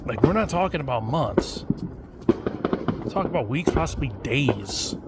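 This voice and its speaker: A man's voice: medium pitch, very animated, measured pace, very noisy. A man vlogging outdoors at night, rambling casually with many fillers and hesitations. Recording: loud fireworks and firecrackers outdoors.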